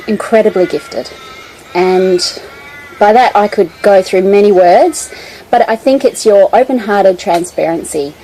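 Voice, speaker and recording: Mellow-voiced woman giving a family tribute. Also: medium pitch, poor audio. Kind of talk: personal tribute to camera. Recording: faint background noise on home video.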